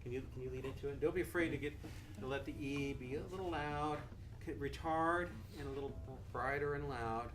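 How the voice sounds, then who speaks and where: A man's voice: medium pitch, fairly quick, noisy background. A man teaching a guitar masterclass who keeps restarting his sentences and hums phrases to show how they should go. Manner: restarts often and hums musical phrases to demonstrate. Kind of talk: masterclass coaching. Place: indoor school masterclass room. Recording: distant mic with loud guitar playing. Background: guitar music.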